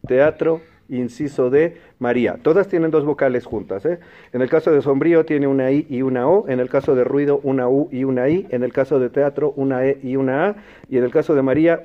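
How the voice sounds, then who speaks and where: A man's voice: medium pitch, warm tone. Mexican man hosting a classroom quiz. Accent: Mexican Spanish. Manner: clear, patient, repeats answer options slowly. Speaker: quiz host and teacher. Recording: dull lo-fi broadcast sound.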